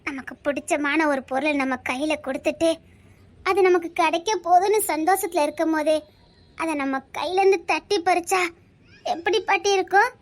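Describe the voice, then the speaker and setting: A woman's voice: extremely high pitch, moderate pace. A young woman with a Tirunelveli Tamil accent, speaking in a tearful, pleading way in a homemade drama.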